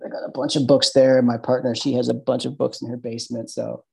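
Easygoing Midwestern guy, husky and dark-toned, rambles through stories on a podcast. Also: medium pitch, level tone, fast talker, rough recording. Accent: Midwestern American. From American Midwest. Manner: loose, rambling, lots of fillers and restarts. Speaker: podcast guest, bartender. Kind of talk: casual interview chat.

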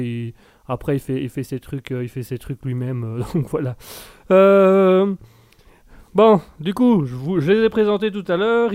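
A man hosting a live stream show, chatting in a casual, self-mocking comic way while a little ill and clearing his throat. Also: a little high, darkish tone, dry recording.

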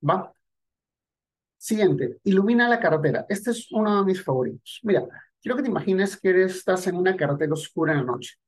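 A man's voice: on the high side, a little mellow. A man teaching sales techniques in a direct, conversational monologue aimed at the listener. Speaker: sales coach. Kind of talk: instructional monologue.

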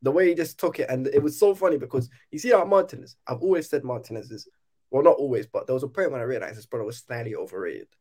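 A man's voice: medium pitch, fast talker, mellow. A man with a London roadman accent trading casual football banter in slangy street talk as a panelist.

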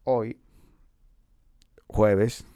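A man's voice: lowish voice, steady tone, very slow, dark tone, clean tone, dry recording. A man delivering a casual, profane monologue. He talks in slang, swears freely, jokes and boasts, and laughs often. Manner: boastful and joking.

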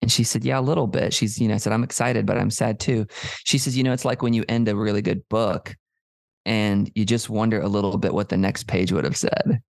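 A man talks in an earnest, reflective way as a podcast co-host. His voice sits low and has a gravelly rasp. The sound is dry and close. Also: fairly even intonation, a little fast, no echo. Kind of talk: casual chat.

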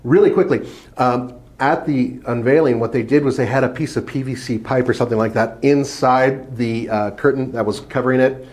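A man co-hosting a podcast, chatting casually and telling stories in an animated way. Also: medium pitch, moderate pace. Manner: animated storyteller. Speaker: podcast co-host. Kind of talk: casual chat about trucks.

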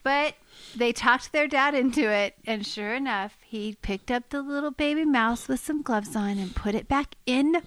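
Animated woman telling a story, lightly high. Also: normal speed, dry recording. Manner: animated storyteller, acts out quoted voices. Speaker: podcast co-host. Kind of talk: casual chat.

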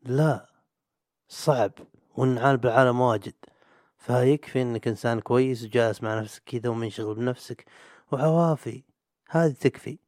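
A man's voice: mid-range voice, brisk, long pauses, a little mellow, no echo, clean studio sound. A young man, hosting a solo podcast in a rambling, chatty, self-mocking way. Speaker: podcast host. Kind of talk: solo casual podcast monologue.

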